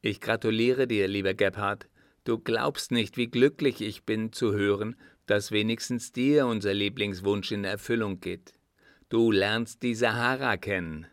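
A man's voice: low voice, a little slow, fairly bright tone, no echo, clean studio sound. A man reading an eager, astonished young officer. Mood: enthusiastic. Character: excited young male officer friend. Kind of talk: audiobook dialogue reading.

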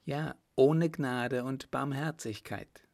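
A man's voice: medium pitch, steady tone, takes it slowly, gravelly, a little mellow, pitched above the performer's own voice. A man reading an audiobook, voicing a teasing, composed young noblewoman in a raised, playful voice. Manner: lightly mocking, playful.

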